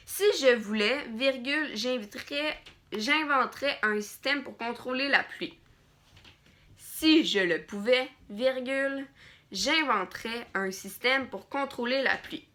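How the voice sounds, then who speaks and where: A woman teacher dictating a school text phrase by phrase, deliberately repeating phrases and speaking the punctuation aloud. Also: on the high side, sharp tone.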